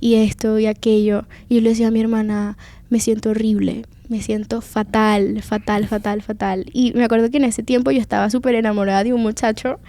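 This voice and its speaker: A woman's voice: a little high, little pitch movement, fast, warm tone, no echo. A young woman from Venezuela with a Venezuelan Spanish accent, telling her faith testimony as a guest in an earnest, confiding way.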